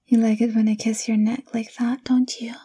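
A young woman whispering softly and close in an intimate, coaxing ASMR roleplay. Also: fairly high pitch, slightly rough. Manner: intimate, coaxing girlfriend address.

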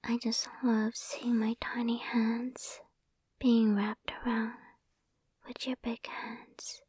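Soft whispering young woman, slow and hushed. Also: a little high, flat delivery, breathy edge, no echo. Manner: sweet, affectionate, slow. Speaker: ASMR performer. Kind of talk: ASMR roleplay. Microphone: close sensitive microphone.

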